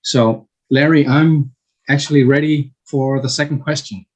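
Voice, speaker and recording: Guest in his fifties, from Chile; slow, halting answers, middle pitch. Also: fairly even intonation, low-quality recording. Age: 50s. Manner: slow, halting, many fillers and restarts. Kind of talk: interview answers.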